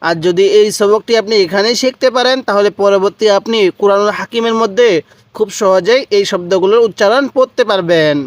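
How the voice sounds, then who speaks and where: A man's voice: sits high, fairly quick, dry recording. A man teaching Quran letter reading step by step, patiently spelling out syllables and repeating them for the viewer. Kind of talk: step-by-step recitation lesson.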